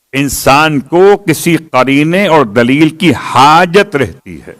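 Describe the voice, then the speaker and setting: A man delivers a sermon in a fairly high voice. He sets out rhetorical questions and answers them, and he recites scripture with swelling emphasis. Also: a bit bright. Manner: recites Arabic verses with rising emphasis. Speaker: Shia preacher. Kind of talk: religious sermon.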